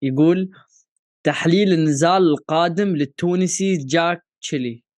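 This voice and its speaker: A man's voice: fairly high pitch, normal speed, darkish tone, no room sound, clean studio sound. A man with a Gulf Arabic accent co-hosting a podcast, chatting casually and posing questions, with some English words mixed in. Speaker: boxing podcast co-host.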